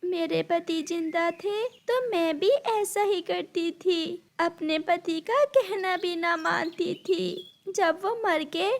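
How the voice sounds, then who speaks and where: Cartoon: woman as mournful widowed sparrow mother, high and slow. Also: steady tone, vocal fry, exaggerated voice. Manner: mournful, tearful. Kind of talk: cartoon storybook voice acting.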